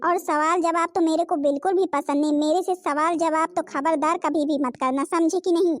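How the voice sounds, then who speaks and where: A woman voicing a cruel, bossy stepmother in an animated cartoon, scolding and threatening. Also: very high-pitched, moderate pace.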